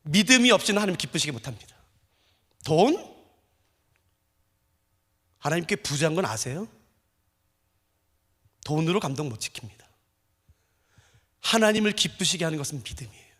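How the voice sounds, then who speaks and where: Middle-aged male pastor, sermon, bright high voice, very lively pitch, long church-hall reverb. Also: moderate pace, long pauses. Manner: animated storytelling preacher, swings from hushed to loud.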